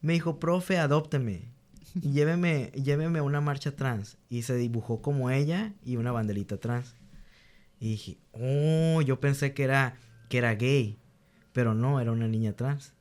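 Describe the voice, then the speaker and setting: At a moderate pace, a young man in a relaxed interview speaks in an ordinary middle pitch. The guest, a teacher, earnestly tells candid tales about his students, voicing their lines and often restarting his sentences as he thinks.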